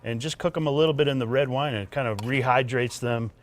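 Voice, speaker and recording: A man, a chef, explaining his dishes in a relaxed plain way while cooking on a TV segment. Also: mid-range voice, quick pace. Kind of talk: guest chat while cooking on TV.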